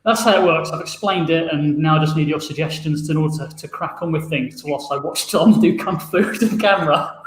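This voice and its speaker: An upbeat man hosts an improv livestream, laughing between words. His fairly high voice comes over a video call in an echoey room with faint noise behind. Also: normal speed. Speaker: improv show host. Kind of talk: livestream hosting.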